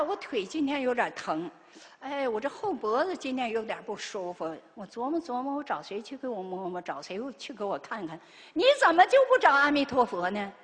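An older woman delivers a Buddhist dharma talk, her fairly high voice swinging widely in pitch. She keeps firing rhetorical questions at the listeners. The sound carries a long reverberant hall tail. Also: a bit bright. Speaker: Buddhist lay teacher.

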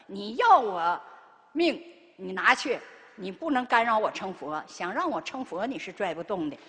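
A woman's voice: mid-range voice, big pitch swings, normal speed, a bit bright. An older woman giving a Buddhist dharma talk as lay teacher, pressing listeners with rhetorical questions. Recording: reverberant hall.

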